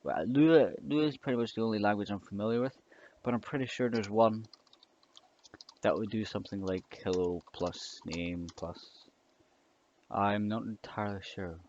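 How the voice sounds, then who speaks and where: A man's voice: fairly low pitch, normal speed, darkish tone. A young man giving a casual coding tutorial, hesitant and rambling with many fillers and restarts, over keyboard clicks. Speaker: scripting tutor. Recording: dull lo-fi mic with keyboard clicks. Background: typing and mouse clicks.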